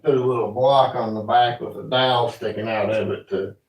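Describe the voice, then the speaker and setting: A man's voice: medium pitch, steady tone, a little fast. A man from Northeast Tennessee with a thick Appalachian accent, chatting casually and folksily as he hosts a livestream. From Northeast Tennessee, USA. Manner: folksy, informal rural grammar. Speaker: livestream host and woodworking maker. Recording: roomy, echoey indoor sound.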